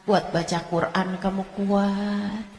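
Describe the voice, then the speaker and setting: A woman's voice: medium pitch, little pitch movement, slow pace, darkish tone, a little hiss or hum. A woman preacher giving a sermon, exhorting with emphatic repetition. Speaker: female Islamic preacher. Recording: echoey hall reverb.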